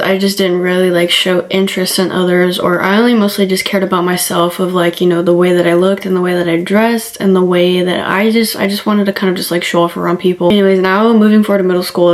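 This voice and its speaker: A woman in her early twenties, seated for a sit-down testimony talk, rambling casually and saying "like" a lot. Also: on the low side. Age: 20s. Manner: casual, rambling, heavy use of "like". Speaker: vlogger. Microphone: camera mic, seated.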